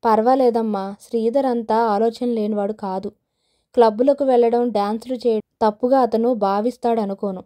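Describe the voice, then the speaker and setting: A woman voicing a calm middle-aged father who speaks in a steady, reassuring way. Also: fairly high pitch, moderate pace, lightly acted.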